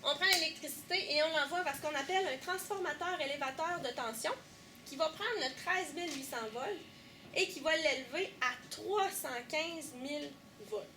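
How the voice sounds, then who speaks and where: A young woman with a Québécois accent guiding a tour group through an underground power station, lively, asking questions and teasing. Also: high voice, moderate pace, slight background noise. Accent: Québécois French. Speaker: tour guide. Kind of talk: guided tour explanation.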